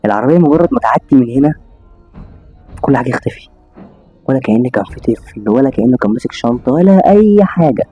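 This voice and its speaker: Fast-talking Egyptian man telling a story. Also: medium pitch. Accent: Egyptian Arabic. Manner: rapid, animated retelling with exclamations and restarts. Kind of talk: casual spoken storytelling to an audience. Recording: slightly dull audio with faint music.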